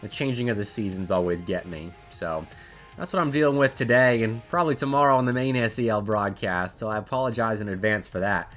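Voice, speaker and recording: A man's voice: on the low side, brisk, a bit bright, faint music behind. A man with a nasal, stuffy voice from allergies, chatting casually as he opens an esports match stream from his desk setup. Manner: chatty, rambling, frequent restarts. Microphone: desk microphone at a home streaming setup.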